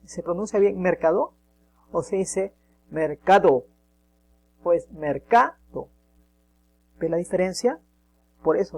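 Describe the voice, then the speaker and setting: A man's voice: high-pitched, gravelly, warm tone, husky. A man teaching a casual spoken lesson, explaining step by step and often checking in with the listener.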